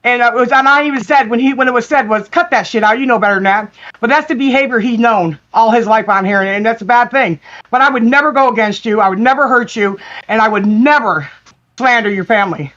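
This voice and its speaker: A woman's voice: on the high side, fast talker, a bit bright, highs cut off. A woman calling into a livestream, apologizing in a pleading voice and repeating herself. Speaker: guest calling in.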